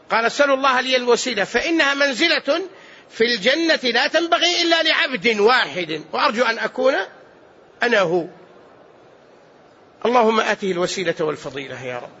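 A male preacher with a very high, husky voice tells a story to his congregation. He acts out its dialogue with dramatic shifts and chuckles, and his tone is bright. The recording is dull and lo-fi. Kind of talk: sermon storytelling.

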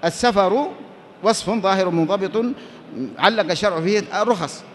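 At a moderate pace, a high-voiced man lectures a class on Islamic law as a teacher of jurisprudence. His style is explanatory, walking through each step and answering the questions he raises. A little hiss or hum sits in the background.

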